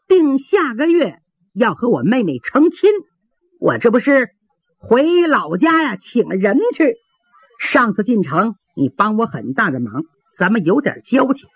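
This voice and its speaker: A sly, arrogant steward, as a woman storyteller puts him on, drawling his words and breaking into overdone wails. The voice is husky and pitched high and lively. The sound is dry and thin like a phone line. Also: no echo, full character voice. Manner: haughty drawl, theatrical wailing. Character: cunning male steward, arrogant then wailing.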